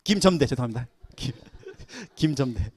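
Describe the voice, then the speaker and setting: A middle-aged man, a pastor, preaching a sermon and telling stories with lively acted-out quotes. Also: mid-range voice, moderate pace, slightly rough. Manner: animated storytelling, acting out quoted voices.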